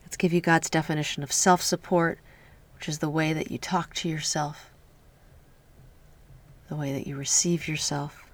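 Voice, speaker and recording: A woman leading a guided healing meditation in a soft, slow voice that often drops to a whisper, speaking close to the mic. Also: deep voice, fairly even intonation.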